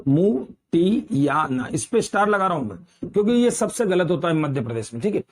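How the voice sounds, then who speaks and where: A man's voice: high-pitched, big pitch swings, quick pace. A man from Uttar Pradesh teaching Hindi grammar at a board, quizzing students and calling them beta. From Uttar Pradesh, India. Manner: addresses students as beta, repeats quiz questions.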